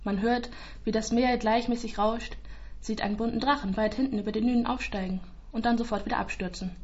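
Woman reading a story, kinda high voice, muffled lo-fi sound. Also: steady tone, brisk. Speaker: narrator. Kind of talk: scripted story narration.

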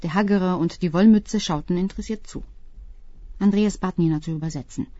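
A woman reading a literary story aloud in a calm, even storytelling voice. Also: fairly low pitch, a little fast, no echo. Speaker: audiobook reader. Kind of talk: scripted literary narration. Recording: dull, dry close-mic sound.

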